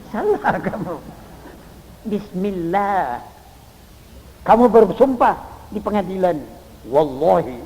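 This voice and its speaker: An older man delivers a Quran exegesis sermon. His voice sits high and grainy with fry. He swings from loud stresses to hushed demonstrations, and the old recording rings with long hall reverb. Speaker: Islamic preacher.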